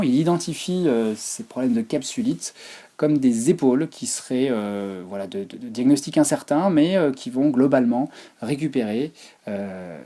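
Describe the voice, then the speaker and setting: A man's voice: medium pitch, warm tone, slightly rough. A man presenting a physiotherapy talk over slides, hesitant, with many fillers and restarts. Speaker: physiotherapy lecturer.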